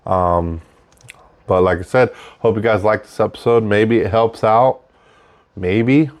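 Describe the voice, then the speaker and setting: A man's voice: lowish voice, measured pace. A man hosting a casual unscripted monologue, talking conversationally and repeating points for emphasis, with audible breaths between his phrases. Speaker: host of a show about technical trade work.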